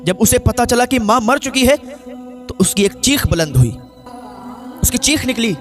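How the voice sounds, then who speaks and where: A man's voice: very high voice, lively intonation, normal speed, faint music behind. A male preacher delivering an emotional sermon as a story, repeating phrases for dramatic effect. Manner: repetitive, dramatic retelling. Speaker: maulana, preacher.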